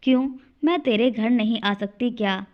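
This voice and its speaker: A woman's voice: a little high, moderate pace, dull audio, lightly acted. A woman voicing a curious young woman friend who asks questions.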